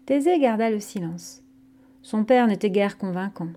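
A woman narrating a scripted myth story in a calm, gentle storytelling manner. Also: medium pitch, moderate pace.

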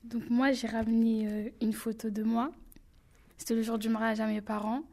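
A teenage girl with a slightly high, flat and mellow voice. She speaks softly, stopping often to hesitate. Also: normal speed, vocal fry. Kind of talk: spoken testimony.

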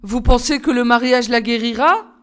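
A woman's voice: a little high, moderate pace, fairly bright tone, clear, resonant tone, lightly acted. A woman voicing an anxious middle-aged mother who urges and fusses in a storybook reading. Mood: urging.

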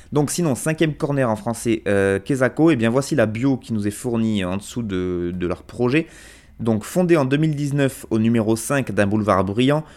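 Casting: male radio host, lowish voice, loose rambling delivery. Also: a little mellow. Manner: rambling, many fillers and restarts. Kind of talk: casual radio presenting.

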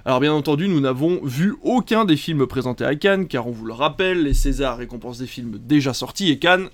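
A man's voice: medium pitch, expressive, a little fast. A man hosting a casual film podcast, reading a long list of titles with many hesitant fillers. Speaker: podcast host.

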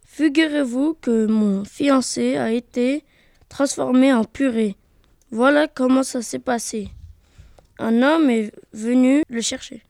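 A woman's voice: sits high, takes it slowly, vocal fry, a little mellow, no echo, studio quality, full character voice. A woman voicing a naive, cheerful female potato in an amateur web radio story reading. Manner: simple, unbothered replies.

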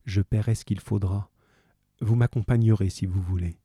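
A man doing a gentle, humble arrested man. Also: moderate pace, breathy edge, dry recording, studio quality. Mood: calm pleading. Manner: soft, calm and low.

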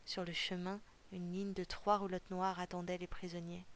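Gravelly, low-voiced woman narrator. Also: flat delivery, moderate pace. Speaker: narrator reading a novel. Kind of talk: audiobook reading.

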